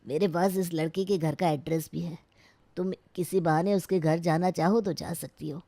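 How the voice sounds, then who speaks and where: A woman's voice: fairly low pitch, fairly even intonation, moderate pace, vocal fry, dry recording. A woman doing a kindly middle-aged uncle. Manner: gentle, fatherly. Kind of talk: storybook voice acting.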